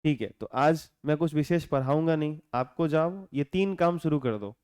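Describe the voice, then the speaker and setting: A man with a Bihari accent teaching a class, talking calmly and without hurry, often asking the students to answer back. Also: a little high, smooth. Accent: Bihari Hindi. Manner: calm, unhurried, keeps asking students to answer.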